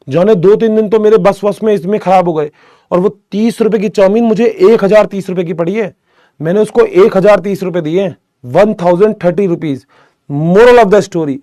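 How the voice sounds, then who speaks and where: Young male biology teacher, high voice, dry recording; casual, joking classroom delivery. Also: warm tone, no room sound. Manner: chatty, addresses students as beta, jokes often. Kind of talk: casual classroom lecture with storytelling.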